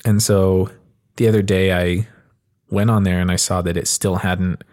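A man's voice: low voice, little pitch movement, normal speed, darkish tone. A man hosting a podcast, telling stories in a casual, informal and sweary way. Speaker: podcast host. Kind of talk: casual conversational storytelling.

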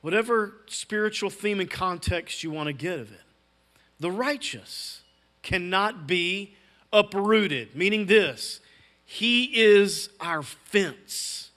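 A man's voice: sits high, expressive, slow, fairly bright tone. A middle-aged man preaching a sermon as pastor, emphatic and repeating key words. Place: church sanctuary.

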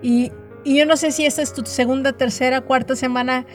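A woman's voice: high voice, steady tone, a little fast, soft background music. A middle-aged woman preaching a devotional sermon, earnest and emphatic, often repeating words as she builds a point.

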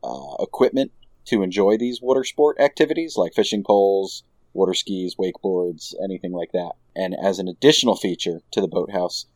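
A man with a very deep voice chats loosely with a group of friends, wandering through his ideas with plenty of fillers. The sound is dry and close. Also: brisk, no echo. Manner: relaxed, rambling with many fillers. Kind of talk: casual group chat.

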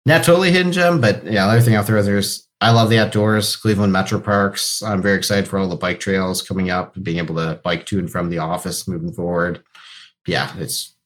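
A man's voice: low voice, steady tone, brisk. A man speaking casually as a founder being interviewed on a podcast. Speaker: podcast guest, company founder.

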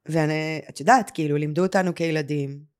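A woman who coaches personal storytelling, talking as a podcast guest in an intense, heartfelt way and slowing down to stress her points. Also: sits low, steady tone, darkish tone. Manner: emphatic, slows down to stress words. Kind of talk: emotional podcast conversation.

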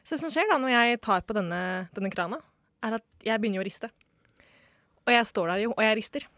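A woman's voice: fairly high pitch, animated, fairly bright tone, no echo, clean studio sound. A young woman from Norway telling a funny personal story in casual chat, acting out the people she quotes.

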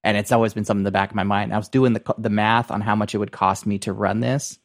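A man co-hosting a casual business podcast, talking in a halting, circling way full of filler phrases. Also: on the low side, level tone, gravelly. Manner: halting, circling phrasing with repeated "you know" and "like". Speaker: podcast co-host.

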